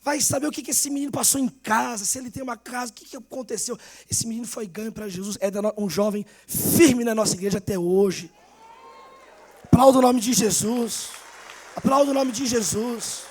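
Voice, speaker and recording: Fervent Brazilian preacher, very high voice. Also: male voice, fairly quick, slightly rough. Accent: Brazilian Portuguese. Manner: fervent, swinging from loud exhortation to hushed storytelling. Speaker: pastor. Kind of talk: sermon.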